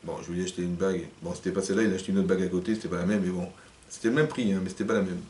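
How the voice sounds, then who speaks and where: Rapid-fire and low-voiced, this rabbi runs a lively, interactive Torah lesson, acting out small scenes and questioning the audience with animation. It takes place in a community hall, recorded in an echoey room from a distant microphone.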